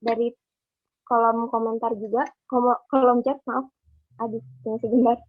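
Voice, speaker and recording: A woman's voice: on the high side, level tone, moderate pace, no echo. A woman host reading viewer questions from the chat, with brief slips and apologies along the way. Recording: dry tinny phone-like line.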